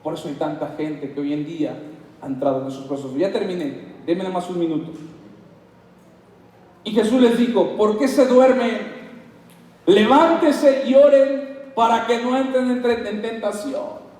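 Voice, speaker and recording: A man with a Mexican Spanish accent preaching a sermon as pastor, animated and acting out little dialogues. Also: sits high, normal speed. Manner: animated, acts out dialogues in put-on voices. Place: church hall. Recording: echoey hall, mic at a distance.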